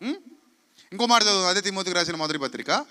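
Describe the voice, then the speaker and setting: A man's voice: sits high, animated, quick pace, sharp tone, clear, resonant tone. A man preaching a fiery sermon, scolding the crowd with rhetorical questions and mocking quotes. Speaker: pastor.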